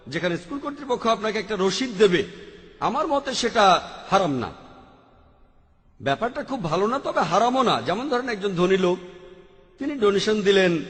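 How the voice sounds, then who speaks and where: A man's voice: high voice, fairly bright tone. A man giving a question-and-answer lecture, answering audience questions methodically, quoting scripture verses and listing options one by one. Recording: long hall reverb.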